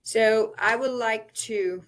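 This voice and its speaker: A woman presenting a webinar over a weak connection, so her audio cuts out and her volume is uneven, and she talks haltingly with many restarts. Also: fairly high pitch. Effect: audio cutting out, uneven volume. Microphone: computer mic on a phone hotspot.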